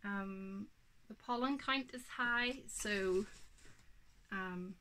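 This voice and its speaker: A Northern Irish woman in her thirties hosts a knitting podcast from her craft room at home, her mid-range voice pushed and bright. She does a casual show-and-tell about her knitting, chatty and unhurried, with lots of ums and a slight hay-fever snuffle.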